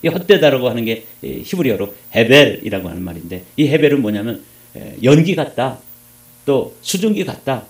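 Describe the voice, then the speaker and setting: Korean pastor preaching with lively swings. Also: male voice, mid-range voice, moderate pace, echoey room. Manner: animated preaching, swings from loud emphasis to hushed asides; addresses congregation with rhetorical questions. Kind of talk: sermon.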